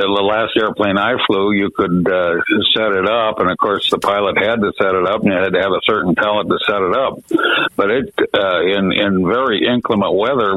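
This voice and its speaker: A man's voice: on the low side, no room sound. An older man being interviewed on the radio, talking in a folksy, rambling way and repeating himself. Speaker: interview guest, retired airline pilot. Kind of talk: conversational radio phone interview. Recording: thin telephone line sound.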